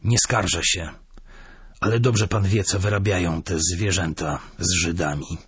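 A man voicing a gaunt, frightened male prisoner with a hoarse, rasping voice, pleading and fearful. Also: sits low, fairly even intonation, measured pace, dry recording, clean studio sound, pitched below the performer's own voice, heavily acted. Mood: weary.

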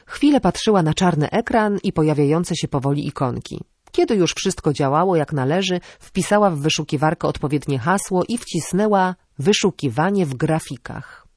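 A woman reading a novel aloud as an audiobook narrator, in a measured, even delivery. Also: deep voice, no echo, clean studio sound. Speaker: audiobook reader. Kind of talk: scripted narration.

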